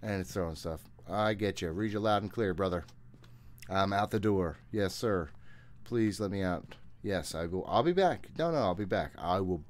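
This deep-voiced man in his thirties talks at a moderate pace while streaming a horror game in a small indoor room at home. His commentary is casual, jittery and exasperated, mostly self-talk with frequent swearing. He uses a desk microphone and wears a headset, and there's slight background noise.

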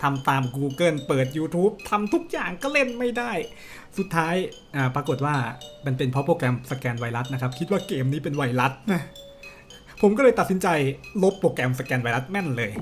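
A man's voice: expressive, normal speed, soft background music. A man giving chatty, joking let's-play commentary while playing a dating game. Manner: chatty, joking, low-key. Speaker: game streamer.

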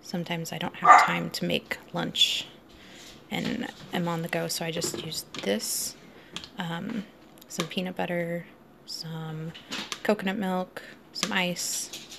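Woman, 30s, casual vlogger, low gravelly voice, noisy kitchen recording. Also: level tone, takes it slowly. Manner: chatty, many ums, laughs easily. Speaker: food vlogger. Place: home kitchen, indoors.

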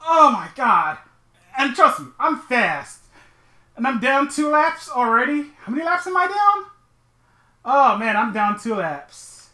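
Slow-talking frustrated woman gamer, echoey room. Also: high voice, very animated, bright, forceful tone. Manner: frustrated, swearing and laughing at herself. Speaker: gaming commentator. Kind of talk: casual gameplay commentary.

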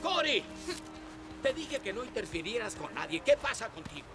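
A man's voice: high-pitched, big pitch swings, normal speed, over music. A man playing a brusque circus boss in a Spanish film dub, giving orders with a Latin American accent. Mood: scolding.

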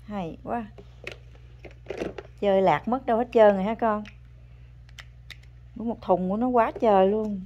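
Slow-talking mother coaxing her toddler. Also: mid-range voice, dull audio, a little hiss or hum. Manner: coaxing, praising, slow and patient. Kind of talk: casual family chat to a small child. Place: home, indoors.

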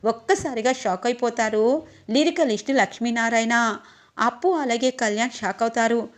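A woman's voice: a little high, normal speed. A woman narrating a recap of a serial story, reading every character's lines in her own voice.

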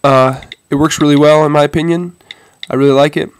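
A man's voice: on the high side, steady tone, a little fast, a little hiss or hum. Stuffy-nosed man giving casual phone demo. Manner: hesitant, informal, addresses viewers as "guys". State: sick with a head cold. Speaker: tech tutorial presenter.

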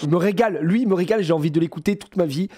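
A man streaming a casual reaction, animated, slangy and joking, often crude. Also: high voice, rapid-fire, a little hiss or hum.

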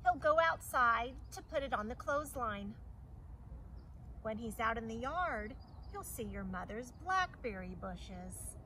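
Female teacher, middle-aged, slightly high voice, animated storybook read-aloud for young children, some background noise outdoors. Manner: animated, deliberate, instructive. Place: outdoors on a lawn by a hedge. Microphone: camera a few metres away. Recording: distant mic, outdoor ambient noise.

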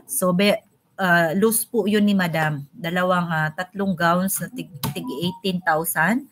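A woman's voice: fairly low pitch, steady tone, a little slow, a little hiss or hum. Chatty woman hosting a live stream. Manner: chatty, greets viewers by name. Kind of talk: casual live stream chat.

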